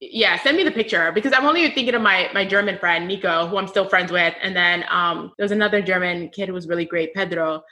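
A woman's voice: lowish voice, fast, hardly any pauses, bright, forceful tone. A young American woman hosting a podcast, chatting casually with a friend and laughing often. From United States. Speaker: podcast host. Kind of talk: casual chat.

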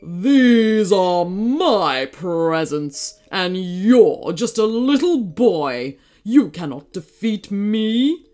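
A woman voicing a giant, grumpy male snow monster who bellows slowly and taunts. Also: medium pitch, big pitch swings. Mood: angry. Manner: loud, slow, taunting bellow.

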